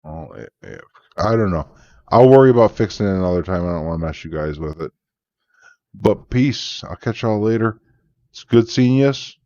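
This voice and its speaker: A man's voice: low-pitched, a little fast, dry recording, lo-fi sound. A man live-streaming a game, chatting casually, sleepy and yawning, thanking his viewers. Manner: relaxed, tired, thanking viewers.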